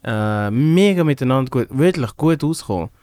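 In clean studio sound with no echo, a young man from Congo talks at a normal speed in a mid-range voice with a Swiss German accent. As a comedian podcast host, he chats casually and tells stories with animation, voicing the characters and laughing a lot.

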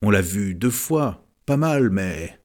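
A man's voice: fairly low pitch, animated, slow pace. A man doing a chatty, teasing mother. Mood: playful. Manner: chatty, fond. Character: teasing middle-aged Chinese wife and mother.

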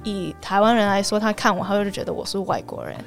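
A woman in her twenties from Canada, a podcast guest chatting casually, animated and laughing as she acts out quoted dialogue. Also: mid-range voice, fast talker, faint music behind. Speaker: podcast guest, graduate student. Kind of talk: casual chat.

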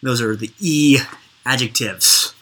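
A woman hosts a casual interview in a very deep voice for a woman, with a raspy grain and a bright, forward edge. She is chatty and encouraging, explaining by example. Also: slow.

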